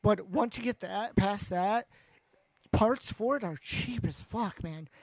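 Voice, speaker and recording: A man's voice: high-pitched, slow pace, darkish tone, no echo. A man co-hosting a casual car podcast, laid-back and swearing. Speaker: podcast co-host. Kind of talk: casual chat.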